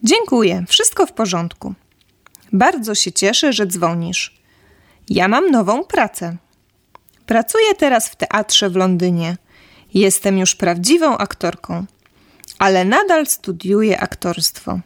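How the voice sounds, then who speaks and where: Slow, careful female lesson reader, dry recording. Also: medium pitch, big pitch swings, no room sound. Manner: careful, clearly enunciated teaching delivery. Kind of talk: scripted lesson dialogue and vocabulary drill.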